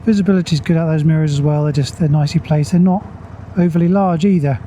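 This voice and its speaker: A man's voice: fairly high pitch, fast, mellow. A man giving casual, understated motovlog commentary as he rides a motorcycle, musing aloud into a helmet microphone. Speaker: motorcycle reviewer. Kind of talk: casual spoken motovlog commentary while riding. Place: outdoors, riding a motorcycle on the road. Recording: noisy outdoor ride, engine and road noise.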